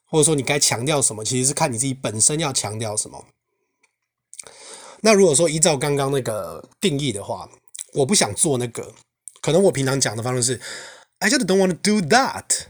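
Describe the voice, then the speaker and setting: A man at a middle pitch hosts a casual solo podcast as an English teacher. He chats along loosely, tossing in rhetorical questions and dropping into English phrases. His pitch sits right in the ordinary range for a man. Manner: chatty, rhetorical asides, code-switching.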